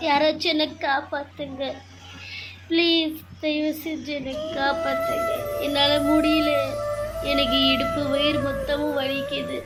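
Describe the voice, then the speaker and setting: A woman's voice: high-pitched, level tone, unhurried, over loud music, poor audio. A woman voicing a pregnant young woman tied up in a cartoon serial, weak, pained and pleading for help.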